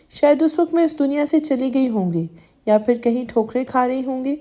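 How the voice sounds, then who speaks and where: A woman's voice: on the high side, dark tone, lightly acted. A woman voicing a sorrowful young wife who writes a farewell diary entry.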